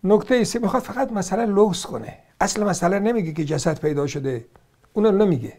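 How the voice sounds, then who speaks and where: A man's voice: sits high, dark tone. A man with an Iranian Persian accent giving argumentative religious commentary, sarcastic and combative, firing off rhetorical questions as he rebuts points one by one.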